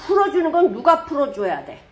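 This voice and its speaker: Woman pastor with a higher-pitched voice, lively sermon storyteller who breaks into booming dramatic quotes. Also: fairly quick, a crowd in the background. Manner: lively storytelling, rhetorical questions, sudden loud dramatic quotes.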